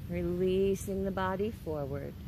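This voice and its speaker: A woman giving guided yoga instruction in a careful, unhurried way. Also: on the low side, noisy background.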